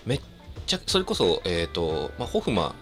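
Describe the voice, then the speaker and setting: A man's voice: deep voice, wildly swooping pitch, normal speed, a bit bright. A man from Fukuoka chatting casually, telling stories in a colloquial, joking way. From Fukuoka, Japan. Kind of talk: casual chat. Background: music.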